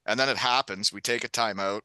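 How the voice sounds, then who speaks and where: A man's voice: fairly low pitch, fairly even intonation, brisk, sharp tone, clear, resonant tone, dry recording. A middle-aged man with a Canadian accent chatting casually and telling stories in laid-back, slangy hockey bro talk. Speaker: podcast host; hockey coach. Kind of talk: casual chat, storytelling.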